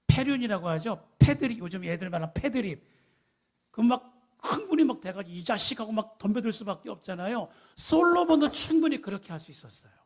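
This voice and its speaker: A man preaching a sermon, emphatic, asking the congregation rhetorical questions. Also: sits high. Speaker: pastor.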